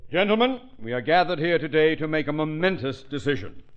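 A man's voice: on the high side, expressive, a little fast, natural voice. A man playing an overbearing, irritable company boss in a 1950s radio comedy, pompous, bullying and sarcastic. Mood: pompous, sly. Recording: muffled vintage radio recording.

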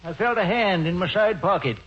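A man playing a laconic old rural New England yokel in a 1940s radio comedy, deadpan and folksy, with a Yankee country accent. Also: sits high, a little fast. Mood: dry, deadpan. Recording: muffled 1940s radio with hiss.

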